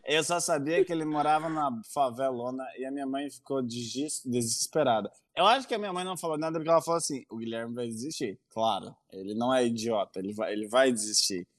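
A man's voice: medium pitch, quick pace, hardly any pauses. A young man telling a story in casual chat, rambling with stammers, fillers and swearing. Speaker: co-host telling his story.

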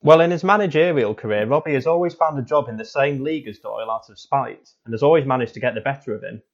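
Deadpan man doing football punditry, dull audio. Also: medium pitch, fast. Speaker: co-commentator.

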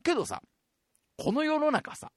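A man in his twenties hosting a podcast, telling stories in an animated way and laughing often. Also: very high-pitched, measured pace, no room sound, studio quality. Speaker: podcast host. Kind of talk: casual storytelling chat.

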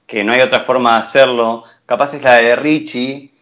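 A man's voice: mid-range voice, moderate pace. A young man with a Rioplatense accent chatting casually and mockingly about a film. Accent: Rioplatense Spanish. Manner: animated, mocking, slangy. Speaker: co-host reviewing a film. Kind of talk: casual film review chat.

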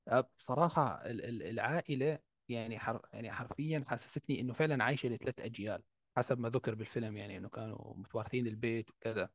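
A man with a Levantine Arabic accent talks films in a casual discussion. His delivery is extremely fast and the sound is dry and close. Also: mid-range voice, no echo. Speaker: film podcast panelist.

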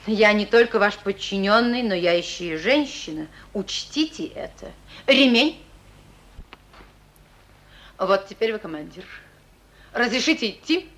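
An actress playing a firm, formal young junior lieutenant in a radio drama. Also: female voice, mid-range voice, animated, unhurried, pauses often, a bit bright. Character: prim, insistent young female junior lieutenant. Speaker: junior lieutenant, army medic.

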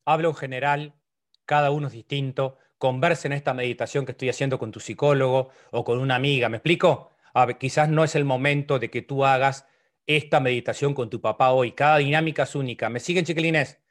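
This middle-aged man, a psychologist with a Uruguayan Spanish accent, delivers a playful, funny motivational talk online, a little fast and with fairly even intonation overall. He still swings from loud, high complaining voices down to near-whispers.

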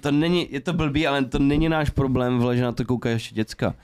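A man co-hosting a podcast, chatting crudely and joking, now and then mocking people in high silly voices. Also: steady tone, darkish tone, clean tone. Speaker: podcast co-host. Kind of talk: casual group chat.

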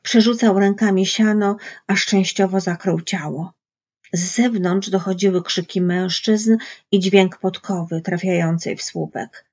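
A woman reading literary prose aloud in a measured storytelling manner, with a husky voice. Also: medium pitch, fairly even intonation, darkish tone. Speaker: audiobook reader. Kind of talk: literary narration. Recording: dull lo-fi recording.

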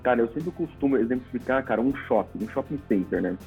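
A man's voice: mid-range voice, lively intonation, fast, darkish tone, dull audio, soft background music. A Brazilian man, a podcast guest, explaining things in a casual, informal way and often adding tag questions. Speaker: podcast guest, paid traffic manager.

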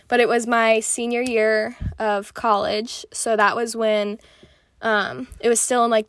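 A woman's voice: mid-range voice, fairly bright tone, dry recording, studio quality. A woman in her twenties casually telling stories, chatty and full of "like" fillers. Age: 20s. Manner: chatty, filler-heavy with frequent "like". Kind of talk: casual storytelling.

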